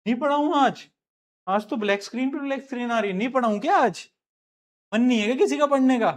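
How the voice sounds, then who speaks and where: A man's voice: very high voice, quick pace. A man teaching a live online science class in Hindi, chatty and teasing his students, slipping into English terms.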